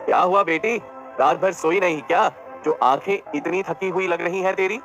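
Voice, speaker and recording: A man's voice: high voice, moderate pace, lo-fi sound, music in the background. A man voicing a stern, hot-tempered older father. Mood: angry. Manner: gruff scolding.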